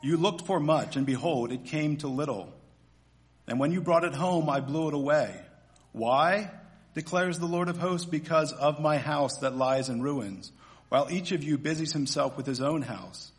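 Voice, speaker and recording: Male preacher at a pulpit microphone; earnest, measured sermon delivery. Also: a little high. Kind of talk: sermon with scripture reading and prayer.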